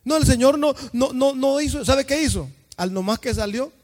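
A male pastor preaching an evangelical sermon, joking in quiet asides and breaking into sung, shouted praise. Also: very high voice, lively intonation, normal speed. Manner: jokey preaching that swings between intimate asides and sung shouts. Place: church. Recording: echoey church hall.

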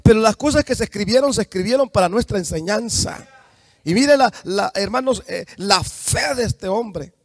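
Fervent Salvadoran preacher with a high voice. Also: male voice, lively intonation, moderate pace, dry recording. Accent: Salvadoran Spanish. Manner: fervent, rising to shouts, addresses congregation directly. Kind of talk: sermon.

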